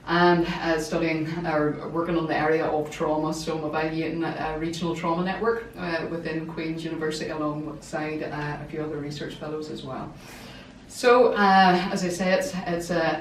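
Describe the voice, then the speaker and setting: A woman from Northern Ireland with an Ulster Scots accent, giving an academic seminar talk as a research fellow. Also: lowish voice. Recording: roomy, distant mic, faint noise.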